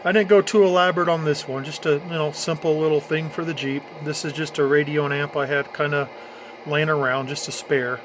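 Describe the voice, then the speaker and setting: Brisk and steady in tone, a fairly high-pitched DIY hobbyist walks through his own install, casually and plainly pointing things out as he goes. Noticeable ambient noise sits in the background.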